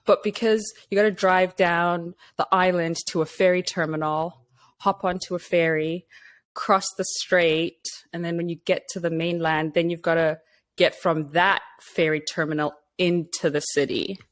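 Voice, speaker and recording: A woman's voice: fairly low pitch, steady tone, moderate pace. Chatty woman from Zimbabwe, a bit tired. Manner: friendly, chatty, laughs easily. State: a little tired. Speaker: podcast guest. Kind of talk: casual interview chat.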